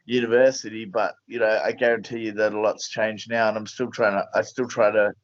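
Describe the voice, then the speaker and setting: A man's voice: on the low side, flat delivery, brisk, no room sound, lo-fi sound. A man talking as a fight coach in a casual interview, blunt and plain-spoken.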